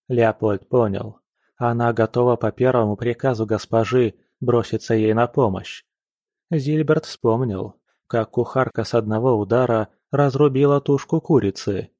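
A man narrating an audiobook in a measured, even storytelling manner. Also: medium pitch, no room sound, studio quality.

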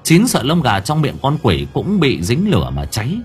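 Husky, expressive male storyteller. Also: mid-range voice, moderate pace. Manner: expressive, dramatic. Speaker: audiobook narrator. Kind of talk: dramatic story narration. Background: soft background music.

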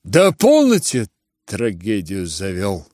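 A sullen young man snaps back at his father in a spoken-word novel, played by a male reader. His lines come slow and cutting, rising sharply on the taunts, in a dry, close sound. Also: lowish voice, huge pitch swings, darkish tone, no room sound, full character voice. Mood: bitter. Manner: bitter, sneering outbursts.

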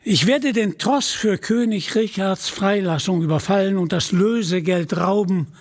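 A man's voice: high-pitched, measured pace. A man voicing a brutal scheming male outlaw who snarls and mocks, in an audio drama reading. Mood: menacing. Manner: snarling, mocking.

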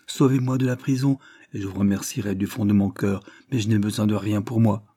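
A man reading aloud plays a touchy young man too proud to accept money, answering in emphatic refusals. The voice is low and husky with a dark tone. Dry, close recording. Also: steady tone, a little fast, no room sound. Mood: impatient.

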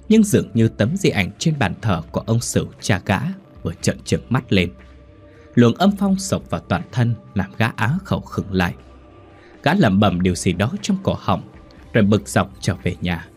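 Expressive low-voiced male storyteller. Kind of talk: scripted ghost story narration. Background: faint music.

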